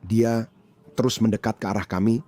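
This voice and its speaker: A man dubbing a bystander who excitedly recounts a fight to police in casual slang. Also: on the low side, moderate pace, lightly acted. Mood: agitated. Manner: agitated, animated retelling with slang. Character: agitated man recounting a brawl. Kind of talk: dubbed bodycam account.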